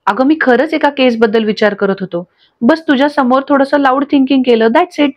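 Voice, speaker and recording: A woman's voice: high voice, brisk. Woman doing an earnest, coaxing young husband. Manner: coaxing, reassuring. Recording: dull lo-fi recording.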